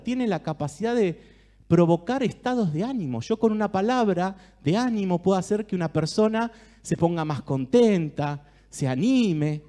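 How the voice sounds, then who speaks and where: Argentine man, church talk to a crowd, high animated voice, mellow tone, asks the listeners questions. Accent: Argentine Spanish. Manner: expressive, speaks straight to the listeners with questions. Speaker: speaker at a church family ministry. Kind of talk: talk to a live audience.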